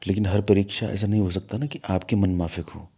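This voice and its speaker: Low, mellow man; spiritual teacher recounting an incident, animated and scolding in turns. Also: fairly quick, slightly rough. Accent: Hindi, from north India. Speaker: guru of an ashram. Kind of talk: storytelling in an interview.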